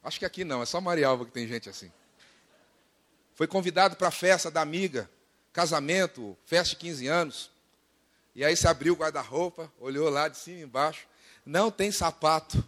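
A Brazilian man in his thirties preaching a lively sermon, mimicking complainers along the way. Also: fairly high pitch, brisk. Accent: Brazilian Portuguese. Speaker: pastor.

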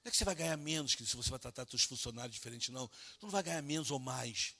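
A Brazilian man preaching an evangelical sermon as a pastor, swinging from soft, hushed lines to loud, impassioned ones. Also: medium pitch, lively intonation, rapid-fire. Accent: Brazilian Portuguese.

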